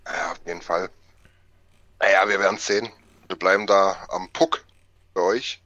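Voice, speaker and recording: Man, podcast host, low voice, dull dry recording, casual banter. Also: dry recording. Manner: relaxed, quick affirming interjections. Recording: dull, dry home mic.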